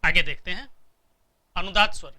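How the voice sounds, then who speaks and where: Middle-aged male lecturer, sharp bright tone, patient and repetitive delivery. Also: sits high, moderate pace. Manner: explains patiently, repeats each point twice. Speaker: teacher. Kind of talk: recorded lecture.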